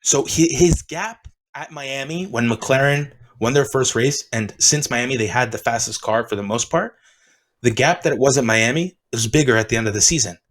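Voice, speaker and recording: A man co-hosting a podcast, talking casually and with strong opinions, animated and dropping "dude" often. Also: medium pitch, normal speed, rough recording. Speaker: podcast co-host. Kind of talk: casual sports chat.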